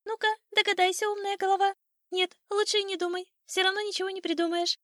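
Woman doing a shrill boastful old sparrow. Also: level tone, fast, pushed and bright, no room sound, studio quality. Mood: boastful chirpy.

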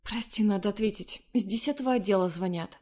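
A woman's voice: mid-range voice, moderate pace, darkish tone, close to an everyday voice. A woman voicing a playful, teasing young male office coworker in an audiobook story. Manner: teasing, mischievous.

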